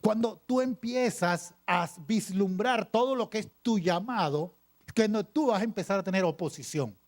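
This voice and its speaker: A male pastor preaching a sermon, reading scripture aloud and pausing for emphasis with repeated phrases. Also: high voice. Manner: preaching with dramatic pauses and repetition.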